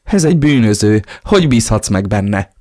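Audiobook: male narrator as a distraught young woman, pleading, slow, deep husky read. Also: fairly even intonation, darkish tone, no room sound, clean studio sound, full character voice. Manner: pleading, tearful, slowed delivery. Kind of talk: audiobook character reading.

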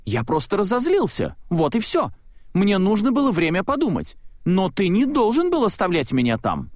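Guy doing a squeaky jumpy little monster dude, talks a mile a minute, dry close sound. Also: huge pitch swings, moderate pace, no echo, exaggerated voice. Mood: pleading. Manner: high, agitated, talkative. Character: excitable small one-eyed male monster, chatty.

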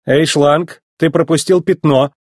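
A brisk, bossy female car, as a man puts her on, blunt and commanding. The voice rides higher than his own with a husky edge. Dry, close storybook sound. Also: animated, darkish tone, dry recording.

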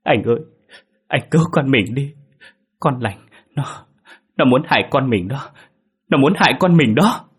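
A man's voice: on the low side, brisk, husky. A man putting on a terrified young wife's voice. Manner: pleading, sobbing, panicky. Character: frightened pregnant young wife, fiercely protective.

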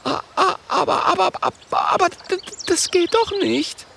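A man's voice: very high-pitched, measured pace, creaky, a little hiss or hum, voice pushed up, exaggerated voice. A man voicing a frightened young female porcupine who trembles and stammers, in a storybook reading. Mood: panicked.

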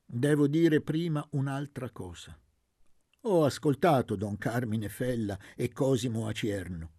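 A man voicing a young peasant leader in a read-aloud novel, orating with a husky, gravelly voice. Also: medium pitch, a little slow, mellow, no room sound, studio quality, pitched above the performer's own voice. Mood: rousing.

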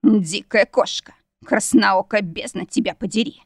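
A woman reading the part of a hot-tempered male demon husband in an audiobook, with a husky, growling delivery. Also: mid-range voice, steady tone, moderate pace, a bit bright, no echo, studio quality, close to an everyday voice.

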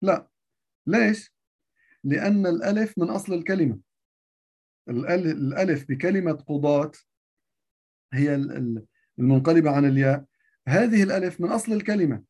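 A man explaining grammar in a lesson, with a mellow, warm tone that sits a little high for a man's voice. He goes over each point more than once and poses his own questions before answering them. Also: brisk, long pauses, husky. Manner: repeats each point and asks himself rhetorical questions. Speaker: teacher of Arabic grammar.

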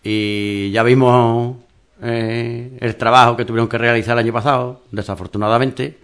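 Smooth-voiced race organizer. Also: male voice, medium pitch, fairly even intonation, normal speed, a bit bright. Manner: rambling, restarts often. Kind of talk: radio interview.

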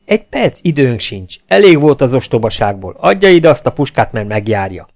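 A man's voice: medium pitch, sing-song, a little mellow. A man voicing a stern, commanding baron. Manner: commanding, firm, raised voice. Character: stern, principled male baron, a legionnaire. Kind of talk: audiobook character voice.

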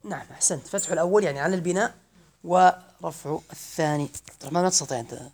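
Brisk man teaching grammar to students. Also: fairly high pitch, a little mellow. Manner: recites verse lines slowly, then explains and quizzes students. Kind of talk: classroom grammar lesson.

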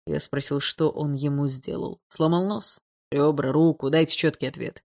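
A woman voicing a cold, domineering older father who speaks curtly and slowly in a low, quiet voice. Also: steady tone. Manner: curt, icy, unhurried.

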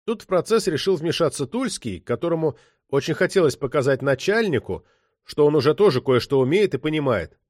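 A male audiobook narrator with a slightly high voice that rises and falls a great deal. The sound is close and dry, with no room echo. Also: very animated, a little fast, a little mellow.

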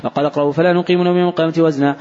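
Fast, flat-voiced man reading aloud. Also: fairly high pitch. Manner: fast, even, unbroken reading with brief slips. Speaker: hadith reader. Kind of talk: rapid recitation of hadith text. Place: large mosque hall. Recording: dull recording in a reverberant hall.

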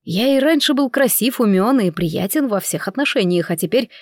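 A woman's voice: on the high side, expressive, normal speed, no room sound, studio quality. A woman reading the lines of a playful, mocking young nobleman in a story. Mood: teasing. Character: teasing charming young nobleman.

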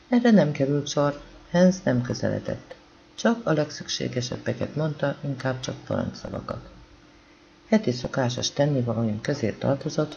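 A man with a gravelly voice reading a novel aloud as an audiobook narrator, calm and even, voicing the dialogue quietly. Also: medium pitch, lo-fi sound, slight background noise. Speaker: audiobook reader.

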